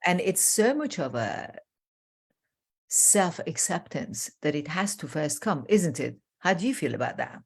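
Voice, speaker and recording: An older woman originally from Iran hosting an interview as a coach, talking warmly and effusively, rambling with many fillers. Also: low voice, very animated, a little slow, gravelly, breathy edge. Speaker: host, transformational coach. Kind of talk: casual interview chat.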